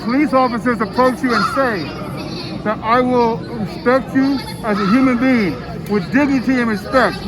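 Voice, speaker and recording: A man's voice: very high-pitched, moderate pace, low-quality recording. A man from Colorado canvassing at a march, earnestly urging people to sign a petition. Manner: earnest, pleading. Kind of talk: street interview. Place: outdoors at a street march. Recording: outdoor march with loud crowd. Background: loud crowd.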